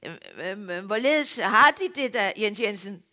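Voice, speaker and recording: A man voicing a patient male country doctor on the phone, courteous, formal and quietly puzzled, speaking lower and softer than his own voice. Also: expressive, full character voice. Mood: polite.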